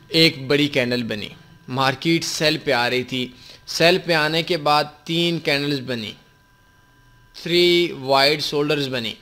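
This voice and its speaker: A man's voice: fairly high pitch, bright, forceful tone, clean tone. A man teaching a forex tutorial, explaining a chart step by step with patient repetition and mixed in. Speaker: forex trading instructor. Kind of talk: screen-recorded tutorial explanation.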